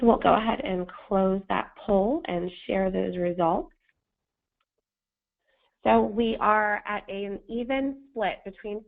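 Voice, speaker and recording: A woman with a hoarse, raspy, smoker-like voice, presenting as a webinar host in a scripted style. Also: medium pitch. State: hoarse, sandpaper-rough voice. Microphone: phone or webinar audio connection. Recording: thin phone-like webinar line.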